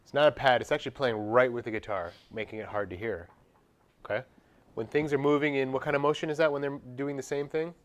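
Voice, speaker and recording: A man's voice: medium pitch, steady tone, fast. Male teacher quizzing his class. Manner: quizzes students, scats examples. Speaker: music teacher. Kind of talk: classroom lecture.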